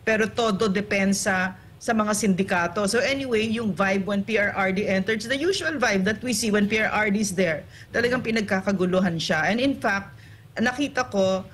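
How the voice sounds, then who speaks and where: A woman's voice: mid-range voice, moderate pace, a little hiss or hum. A woman political commentator in an online interview, talking indignantly and firing off rhetorical tag questions.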